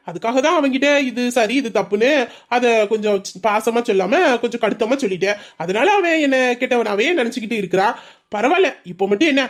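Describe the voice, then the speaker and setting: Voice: mid-range voice, close to an everyday voice. A performer voicing a stern, thrifty middle-aged father and shop owner who lectures and justifies himself to his wife. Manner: lecturing, self-justifying, persuasive. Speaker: father Sellamuthu. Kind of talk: audio drama acting.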